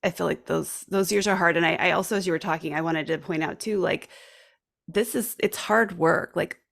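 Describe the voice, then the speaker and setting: A woman's voice: fairly low pitch, fairly quick, vocal fry. A woman hosting a podcast, talking reflectively and affirming her guest often. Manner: warm, reflective, frequent affirming murmurs. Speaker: podcast host. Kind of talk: conversational interview.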